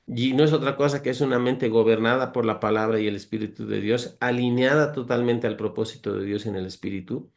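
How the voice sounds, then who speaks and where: A man of ordinary pitch leads a conversational Bible teaching, reading verses aloud and unpacking them earnestly. He lists virtues one by one and uses homely, humorous comparisons, addressing his listeners as brothers. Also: fairly even intonation, a little fast, creaky, few pauses.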